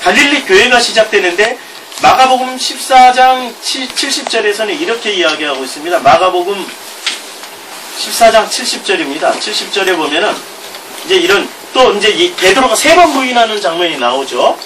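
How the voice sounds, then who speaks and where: A man's voice: high-pitched, lively intonation, a little fast. A middle-aged male pastor with a Gyeongsang Korean accent, preaching a sermon, reading scripture aloud with chuckling asides. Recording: distant mic with background noise.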